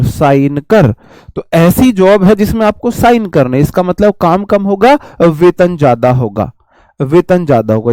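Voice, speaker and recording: A man's voice: sits high, a little mellow, dry recording. A man teaching vocabulary in an online exam-prep class, chatty and repetitive, explaining words with homely examples and calling viewers his brother.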